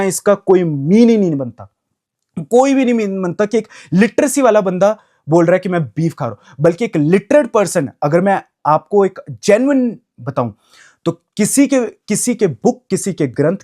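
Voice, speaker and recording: A young man rants to camera in a casual vlog. His pitch swings widely as he talks, and he leans on emphatic repetition. He drops English phrases into his talk. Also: a little mellow. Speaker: vlogger. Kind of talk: casual opinion rant to camera.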